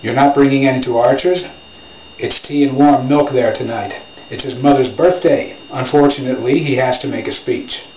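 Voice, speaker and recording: A man's voice: medium pitch, steady tone, moderate pace, a little hiss or hum, lightly acted. A man voicing a breezy adult friend who drops by with a car full of booze and speaks wryly. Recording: roomy, dull lo-fi home recording.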